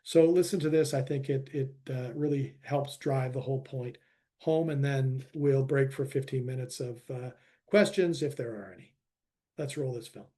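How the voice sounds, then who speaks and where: A man's voice: mid-range voice, moderate pace, mellow. A man giving a webinar presentation, talking with many fillers and restarts.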